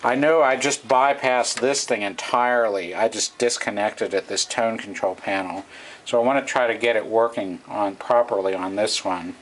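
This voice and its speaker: A middle-aged hobbyist radio restorer offers a casual walkthrough of vintage sets, speaking off the cuff, hesitantly, as if thinking aloud. His fairly low voice holds a steady tone at a moderate pace, recorded on the camera's microphone in a noisy amateur camcorder clip.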